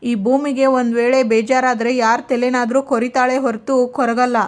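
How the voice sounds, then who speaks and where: A woman's voice: fairly high pitch, level tone, moderate pace, natural voice. A woman voicing a troubled young wife who earnestly confides her feelings. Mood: confiding. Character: young newly married woman, troubled and in love.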